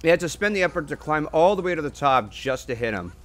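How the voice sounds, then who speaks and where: A man doing casual gameplay commentary as a streamer, excitable and foul-mouthed. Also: on the high side, fast talker. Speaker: game streamer. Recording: game music behind. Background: video game music.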